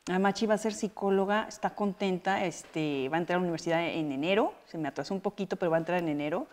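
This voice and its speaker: A woman's voice: fairly low pitch, fast, a little mellow. Chatty middle-aged Mexican woman. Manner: chatty storytelling, frequent filler phrases. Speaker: actress and guest. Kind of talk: casual interview chat.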